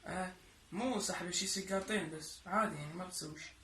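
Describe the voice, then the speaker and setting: A man's voice: sits high, quick pace, fairly bright tone. A young man with a Levantine Arabic accent, chatting casually and a little hesitantly on a phone call. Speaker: YouTube co-host. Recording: echoey room, faint noise.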